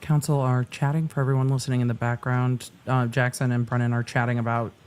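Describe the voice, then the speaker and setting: A man's voice: mid-range voice, level tone, fast, darkish tone, smooth. A man giving casual live commentary on a trial, with informal explanatory asides. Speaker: livestream commentator.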